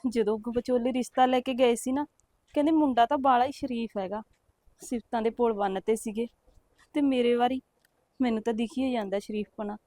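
A woman's voice: on the high side, steady tone, fairly quick, no echo, natural voice. A young woman with a Punjabi accent playing a newly married wife who coaxes and complains to her husband. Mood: lamenting. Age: young adult. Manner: soft, coaxing, complaining. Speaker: actor in a short film. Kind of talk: village short-film acting.

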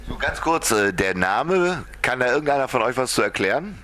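A man's voice: medium pitch, sing-song, moderate pace, sharp tone. A male host of a local TV talk show who interviews a band in a friendly way, asking short questions. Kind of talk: TV interview hosting. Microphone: handheld mic.

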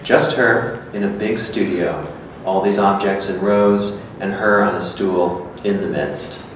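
A man with a lowish, slightly bright voice reads slowly, playing a matter-of-fact, musing character in a staged reading of a literary script for two performers. He's recorded on a stand microphone at a distance in a gallery room whose hard walls give an echo, with faint noise in the background.

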